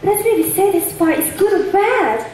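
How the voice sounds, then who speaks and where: A woman's voice: very high voice, big pitch swings, normal speed, darkish tone, a little hiss or hum. A woman acting an impatient young girl in love on stage, eager and pleading. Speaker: student actor. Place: stage in a large hall. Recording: distant echoey hall recording with music.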